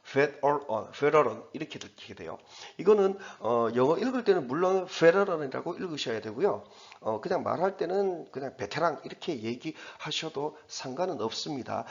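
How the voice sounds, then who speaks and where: A man teaching English, going through an exam passage in a chatty way and reading the English words slowly. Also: on the high side, creaky, muffled recording. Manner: chatty, repeats himself, reads English slowly word by word.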